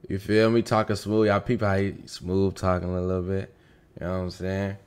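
A man's voice: deep voice, monotone, normal speed, a little mellow, smooth. A man hosting a live stream, reacting to a video in a laid-back, slangy way and talking to his viewers over a headset mic. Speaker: livestream host reacting to a video. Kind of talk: casual live reaction commentary.

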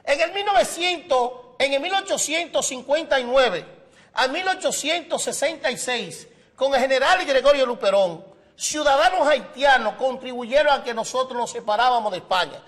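A man's voice: very high voice, lively intonation, normal speed, a bit bright. A man with a Dominican accent hosting a talk show, pushing a heated panel debate and cutting in on his guests. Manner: provocative, interrupting.

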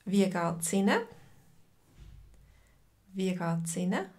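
A woman's voice: lowish voice, lively intonation, slow, a little mellow. A woman teaching a live online language lesson over a video call, patiently greeting students by name and asking how they feel.

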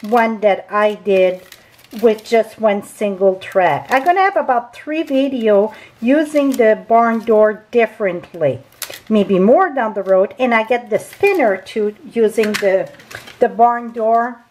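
A woman's voice: fairly high pitch, slow, darkish tone, low-quality recording. A woman with a French accent giving a chatty, unscripted card-making tutorial at a craft table, correcting herself as she goes. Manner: chatty, unscripted, with small grammar slips and self-corrections.

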